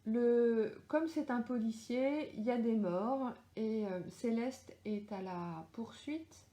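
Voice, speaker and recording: A middle-aged author with a strong French accent answers readers in a casual live Q&A from her home in Australia, her room adding a noticeable echo. Her voice is on the high side, slow, mellow and relaxed, and she sounds hesitant, pausing often to find words and using many fillers and restarts.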